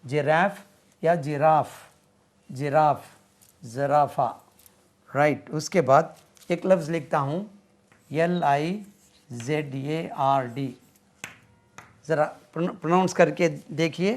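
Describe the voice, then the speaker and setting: A man leads a spoken vocabulary lesson, his voice sitting a little high. He moves very slowly, spelling words letter by letter and checking with his listeners through a steady stream of "right?". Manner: patient, repetitive, asks "right?" often. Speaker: English teacher.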